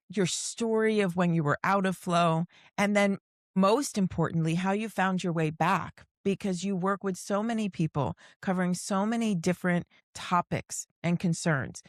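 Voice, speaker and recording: A woman's voice: medium pitch, unhurried, no room sound, studio quality. A woman hosting a podcast interview, enthusiastic and welcoming as she asks questions. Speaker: podcast host.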